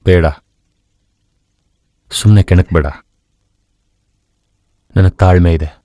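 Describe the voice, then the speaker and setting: A stern hot-tempered fiancé. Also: male voice, sits low, fairly even intonation, slow pace, warm tone, no room sound, studio quality. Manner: firm, threatening. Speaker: hero engaged to his cousin. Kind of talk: Kannada film dub.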